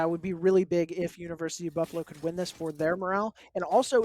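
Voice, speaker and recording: A young man casting a college esports match as play-by-play commentator, calling the action quickly with joking asides. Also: high voice, darkish tone. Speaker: esports caster.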